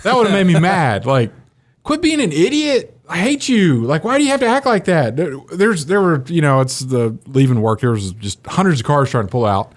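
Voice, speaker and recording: A man co-hosting a podcast, telling stories in a joking, animated way. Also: on the high side, normal speed. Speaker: podcast co-host. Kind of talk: casual chat.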